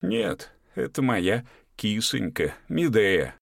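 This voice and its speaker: A sullen drunk man, played by a male reader, grumbles in a lowish voice. His talk is curt and gloomy. The sound is dry and close. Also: sing-song, takes it slowly, vocal fry, no room sound, exaggerated voice.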